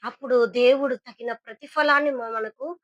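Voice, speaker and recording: High-voiced woman preaching a sermon. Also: fairly even intonation, moderate pace, fairly bright tone, no room sound, lo-fi sound. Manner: earnest, exhorting. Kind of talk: sermon with storytelling.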